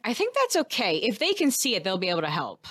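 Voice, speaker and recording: A woman's voice: medium pitch, wildly swooping pitch, fast, a bit bright, slightly rough, dry recording, clean studio sound. A woman chatting casually as a player in a tabletop game, thinking aloud and asking questions in a tentative way.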